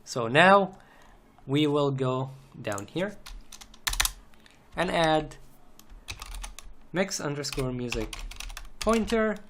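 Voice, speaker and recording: A man with a fairly bright, rather high, expressive voice narrates an unscripted programming screencast step by step, speaking extremely slowly with frequent pauses and repeating phrases methodically. It's a noisy home recording, with keyboard typing, mouse clicks and background noise audible.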